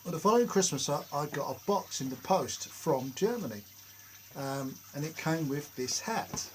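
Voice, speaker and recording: A man talks casually to camera from his home workshop shed, rambling through jokey, self-mocking stories. His voice sits a little high for a man. A faint hum of room ambience runs underneath. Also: animated, normal speed, rough recording. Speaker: hobby workshop vlogger.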